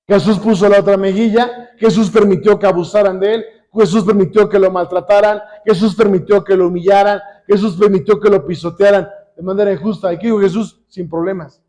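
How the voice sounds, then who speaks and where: A man with a Mexican accent preaching a sermon, constantly asking the congregation questions and pausing for them to finish his sentences. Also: high voice, steady tone, mellow. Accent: Mexican Spanish. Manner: calls on the congregation with repeated questions.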